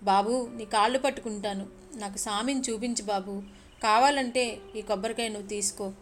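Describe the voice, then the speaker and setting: A desperate old male devotee begs in a storybook tale, tearful and pleading, as a woman puts him on. The voice sits a little high. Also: fairly even intonation, normal speed, a little hiss or hum.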